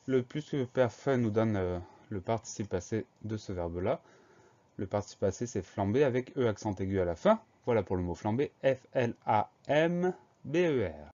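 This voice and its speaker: A man teaching a spelling lesson, who speaks slowly and spells each word out letter by letter. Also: fairly low pitch, dark tone. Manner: slow, spells words out letter by letter. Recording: dull lo-fi sound.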